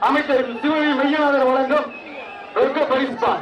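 High-pitched man booming over a loudspeaker. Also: moderate pace, muffled recording. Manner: excited cheering mixed with formal honorific announcements. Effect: loudspeaker public address. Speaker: event announcer. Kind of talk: live event announcing over a loudspeaker. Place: outdoor arena with crowd. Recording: echoey loudspeaker heard from far off in a crowd.

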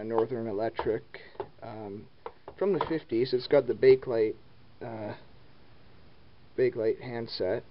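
Unhurried and fairly low-pitched, a man shows off his home phone wiring in the basement on camera, his talk plain, easygoing and packed with ums and uhs. He stays off screen behind the handheld camera, and its mic sounds dull and lo-fi with a faint hiss.

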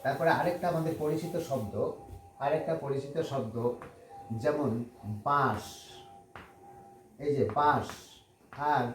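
A man's voice: fairly high pitch, a little slow, long pauses, faint music behind. A man teaching a spelling lesson, patiently repeating words and spelling them out letter by letter. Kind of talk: classroom lesson on Bangla spelling. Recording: echoey room with faint background noise.

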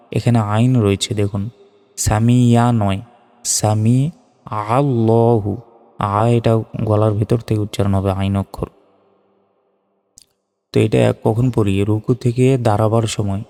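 A man teaching prayer pronunciation, spelling words out letter by letter and drawing the recitations out slowly. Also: fairly low pitch, dark tone, long reverb tail. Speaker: religious teacher. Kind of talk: instructional lesson on prayer pronunciation.

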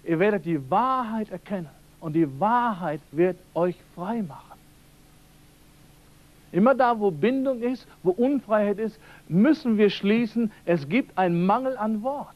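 On an old radio-quality seminar tape with the highs cut off, a man preaches in a church seminar hall. His high, expressive voice is unhurried yet emphatic as he repeats key phrases and speaks directly to his listeners.

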